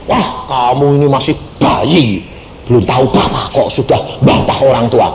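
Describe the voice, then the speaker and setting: A man's voice: medium pitch, normal speed, gravelly, a crowd in the background, lightly acted. A man voicing a proud, dismissive older father who scolds his son.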